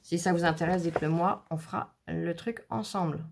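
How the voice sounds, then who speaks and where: Woman, low gravelly voice, chatty haul commentary, light background hiss. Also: steady tone, brisk, a little mellow. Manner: chatty, showing items one by one with many fillers. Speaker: scrapbooking haul vlogger. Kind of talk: casual haul video commentary.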